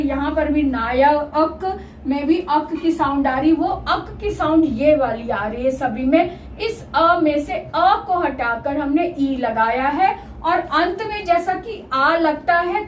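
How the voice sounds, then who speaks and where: Woman, teacher, grammar lesson, spells out sounds one by one, distant mic, faint hum. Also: high-pitched. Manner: slow, spells out each sound step by step. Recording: roomy echo, voice from afar, faint ambience.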